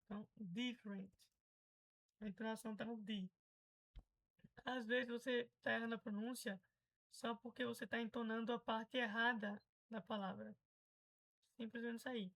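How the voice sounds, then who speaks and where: A woman's voice: a little high, little pitch movement, moderate pace, pauses often, fairly bright tone, poor audio. A Brazilian woman teaching English pronunciation in a casual, chatty way, patiently explaining and repeating example words.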